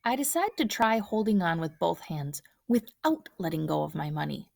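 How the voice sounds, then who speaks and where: A woman reading a children's picture book aloud in a gentle, hushed storytelling voice. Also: on the low side, very animated, moderate pace, vocal fry, no room sound, studio quality. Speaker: storybook reader.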